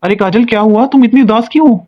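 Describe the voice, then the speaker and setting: A performer voicing a caring young husband who gently reassures his wife over the phone in a cartoon. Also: mid-range voice, quick pace, lo-fi sound, pitched below the performer's own voice, natural voice. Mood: soothing. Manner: soothing, reassuring. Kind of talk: animated cartoon voice acting.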